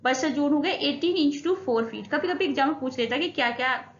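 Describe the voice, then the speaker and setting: A woman's voice: high-pitched, a little fast. A woman teacher giving a revision lecture, mixing Hindi and English and explaining with everyday examples. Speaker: exam-prep teacher. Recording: dull audio with room echo and faint hiss.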